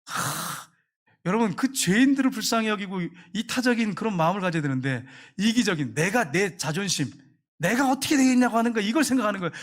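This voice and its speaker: A man preaching a sermon in a high, quick voice. He drives his points home with emphasis and repeats key phrases for weight. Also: fairly bright tone. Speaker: pastor.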